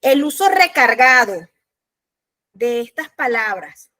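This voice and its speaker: A woman law lecturer with a Panamanian Spanish accent teaches a recorded class. Her voice sits high and bright. She speaks slowly and deliberately, going back over each point. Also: very animated. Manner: slow, deliberate, repeats key points.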